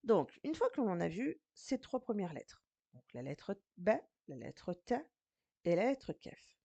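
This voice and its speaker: A woman's voice: on the low side, sing-song, gravelly, dark tone, dry recording. Patient French-speaking woman teaching letters. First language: French speaker teaching Arabic. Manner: patient, slow, spells out syllables. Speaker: Arabic reading teacher. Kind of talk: recorded lesson explanation.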